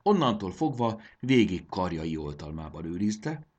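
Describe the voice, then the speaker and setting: A man's voice: sits low, big pitch swings, a little mellow, husky. A man narrating a children's storybook expressively, voicing the characters.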